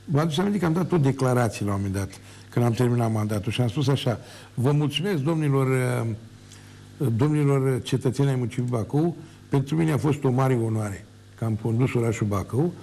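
On a television show he hosts himself, a former mayor from Romania, now older, rants forcefully, hammering his points by repeating words. He speaks at medium pitch in a creaky, mellow voice.

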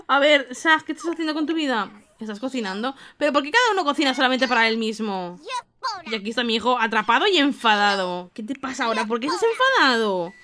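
Animated, bright-voiced Spanish woman gamer. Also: a little high, quick pace, noisy background. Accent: Spain Spanish. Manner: expressive, exclamatory, laughs often. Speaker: gaming youtuber. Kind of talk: casual let's play commentary.

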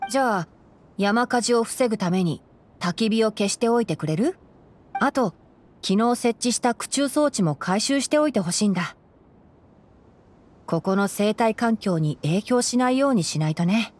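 A woman voices a calm, principled young male scholar and forest ranger with fox ears for a Japanese video game. She speaks with measured articulation in a natural, medium-pitched voice, sounding calm and considerate.

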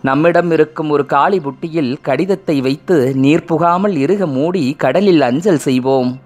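A man narrates a novel as an audiobook, reading in a measured, poetic way. His voice is somewhat high for a man. The reading is steady and deliberate. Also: soft background music.

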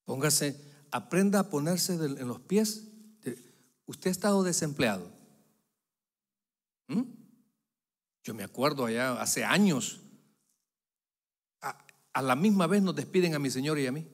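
A man's voice: lively intonation, unhurried, pauses often, slightly rough. Emphatic preaching man in a reverberant church. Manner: emphatic preaching, swelling loud on key phrases and dropping low for asides. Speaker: pastor. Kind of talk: preaching a sermon to a congregation. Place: church sanctuary. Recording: long reverb of a church hall.

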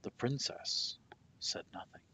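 As storyteller, a man reads aloud from a children's picture book, his dramatic, measured phrasing easing off gently at the close of each phrase. There's a little hiss or hum in the recording.

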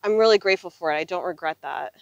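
A woman's voice: lowish voice, quick pace, no echo, lo-fi sound. A woman in her thirties speaking earnestly and reflectively in a casual interview, conversational in manner, recorded outdoors on a lapel mic. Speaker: interview guest, full-time RV traveler. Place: outdoors on open desert gravel lot. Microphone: clip-on lapel mic.

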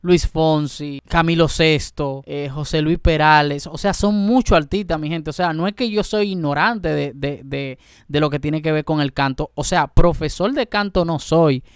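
Young male reaction host, eager, exclamatory, smooth clean voice, dry close sound. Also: fairly high pitch, normal speed, no echo. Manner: excitable, exclaims and addresses viewers as "mi gente". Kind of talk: casual reaction commentary.

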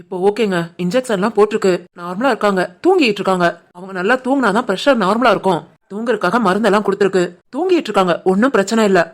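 A woman voicing a calm, reassuring male hospital doctor who explains patiently, with a Tirunelveli Tamil accent. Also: mid-range voice, racing, natural voice.

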